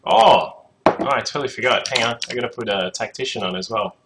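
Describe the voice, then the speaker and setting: A man's voice: mid-range voice, fairly quick, noisy background. A man casting a strategy game match alone from his home computer, chatting casually with many fillers and asides to the chat. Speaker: game caster. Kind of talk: solo esports commentary.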